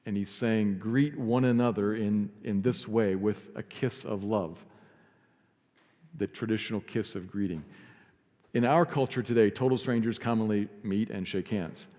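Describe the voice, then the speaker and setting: Male pastor, lower pitch, earnest sermon delivery, reverberant church hall. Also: unhurried. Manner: earnest preaching, drops to soft emphasis. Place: church sanctuary.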